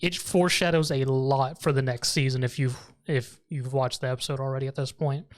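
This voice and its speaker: A man's voice: mid-range voice, steady tone, brisk. A man co-hosting an anime podcast, chatting casually and agreeing in a laid-back way. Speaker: podcast co-host.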